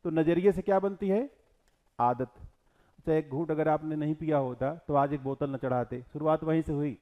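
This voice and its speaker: Guy teaching a class, keeps asking questions then answering, slightly high voice, dull lo-fi sound. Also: moderate pace. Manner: rhetorical questions, quotes verses, swings between loud and soft. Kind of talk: exam-prep lecture on scripture.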